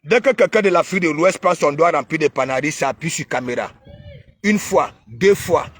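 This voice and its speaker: A man from Cameroon with a Cameroonian accent, hosting a casual live stream where he mocks and teases, often breaking into shouts. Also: on the high side, fairly quick. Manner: mocking, teasing, bursts of shouting.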